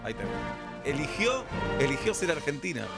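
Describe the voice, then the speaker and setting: A man's voice: a little high, sing-song, vocal fry, over loud music. A man with a Rioplatense Spanish accent, hosting a live radio show and teasing his co-hosts. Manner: teasing, quick back-and-forth. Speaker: radio host. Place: radio studio. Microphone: studio microphone.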